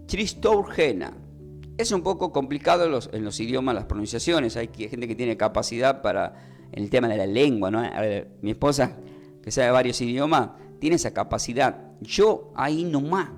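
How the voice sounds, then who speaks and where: A male preacher delivers a radio sermon in a mid-range voice. He explains things patiently and at times slows right down to spell words out. Soft instrumental music runs quietly underneath. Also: mid-range voice. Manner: teaching slowly, spelling words out for listeners to note. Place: radio studio.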